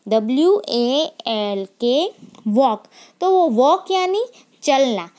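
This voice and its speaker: A woman with a high voice gives a children's spelling lesson at a very slow pace. She spells each word letter by letter and asks questions that she then answers herself. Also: lively intonation, a little mellow. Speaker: teacher.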